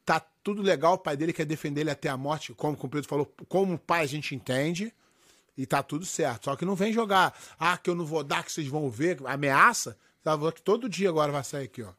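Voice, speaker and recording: A middle-aged man with a Brazilian accent, co-hosting a podcast, telling stories in a lively way, swearing freely and acting out the lines he quotes. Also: a little high, fast talker, no echo, studio quality. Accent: Brazilian Portuguese. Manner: animated storyteller, swears a lot, acts out quotes. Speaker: podcast co-host. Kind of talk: casual podcast banter.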